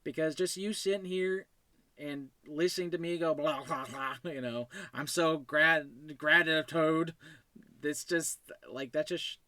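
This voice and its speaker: In a pushed, bright voice of fairly high pitch and a measured pace, this animated web series creator hosts his own show and casually thanks his audience without a script. Emotional and overjoyed, he's effusive but stammers and trails off; the sound has no echo.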